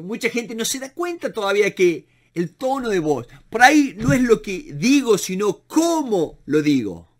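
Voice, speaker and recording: A man teaches negotiation to camera in a high, bright-sounding voice. He is animated, repeats words and leans on fillers as he explains. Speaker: negotiation instructor.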